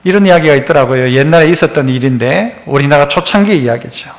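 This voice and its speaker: A man's voice: a little high, fast. A man preaching a sermon as pastor, telling stories and acting out the voices of the people in them. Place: church sanctuary. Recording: echoey church hall.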